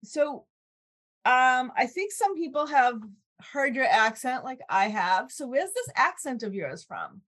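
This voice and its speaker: A woman's voice: sits high, sing-song, unhurried, a bit bright. A woman hosting a casual, chatty interview show in an effusive, enthusiastic way. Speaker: podcast host interviewer.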